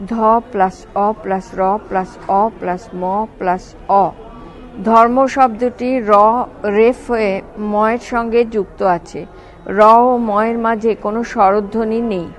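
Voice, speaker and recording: A woman's voice: fairly high pitch, rough recording. A woman reading a grammar textbook aloud for visually impaired students, carefully spelling out each word example. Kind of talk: slow textbook read-aloud.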